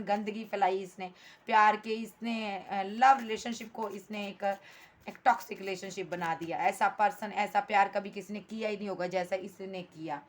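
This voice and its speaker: Speaking at a medium pitch, this woman reads tarot for her audience in a forceful, no-nonsense way. She tells off the partner who isn't there while addressing the listener as "darling" and "bhai".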